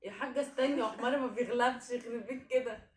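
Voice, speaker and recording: A woman's voice: on the high side, very fast, distant mic. A young woman with an Egyptian Arabic accent, bantering and teasing through a casual quiz game with a friend. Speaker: singing challenge contestant and questioner. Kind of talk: playful casual quiz chat. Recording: echoey room, off-mic, faint noise.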